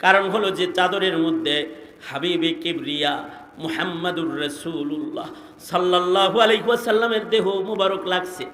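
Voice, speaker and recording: A man preaching a sermon, moving between plain talk and long sung, shouted cadences that rise to a tearful cry. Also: sits high, a little fast, reverberant. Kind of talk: sung Bengali waz sermon.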